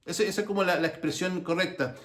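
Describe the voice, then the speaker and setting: A Chilean man preaching in a relaxed, storytelling way, with plenty of jokes and asides. His voice sits high for a man. The sound rings around a reverberant room. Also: quick pace. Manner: storytelling with humor, many restarts and asides. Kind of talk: conversational sermon.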